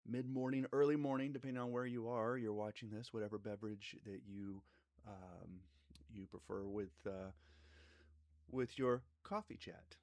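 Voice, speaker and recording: A middle-aged family therapist, congested from a cold, hosts a casual live stream in a fairly low voice at a moderate pace, with no echo. He's relaxed and meandering, full of fillers and restarts.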